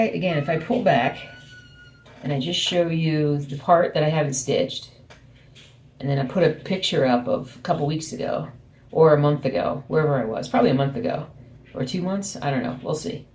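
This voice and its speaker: A woman speaking quietly at night in a casual, rambling, self-correcting chat, hosting an informal video update. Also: sits low. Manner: speaking quietly at night so as not to wake someone. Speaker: host of a weekly cross stitch video update. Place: small home office.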